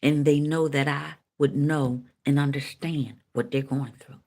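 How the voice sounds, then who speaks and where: Woman, middle-aged, deep voice, fervent spoken testimony with sharp emotional spikes. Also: steady tone, a little slow. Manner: impassioned and preachy, with sudden high, loud bursts. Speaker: speaker sharing a healing testimony. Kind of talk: emotional testimony addressed to the audience.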